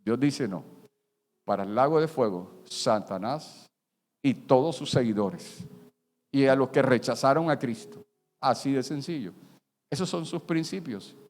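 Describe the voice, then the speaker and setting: A man preaching a sermon as pastor, animated, acting out quoted voices and swinging between loud and soft. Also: medium pitch, unhurried, pauses often, in a large hall. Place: church.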